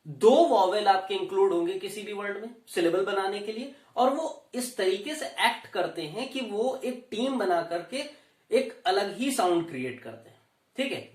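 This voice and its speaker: Indian man, high voice, slow unhurried teaching, echoey room, mic far off. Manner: explains slowly, repeats key terms, switches between Hindi and English. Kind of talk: classroom lecture. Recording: roomy echo, voice from a distance.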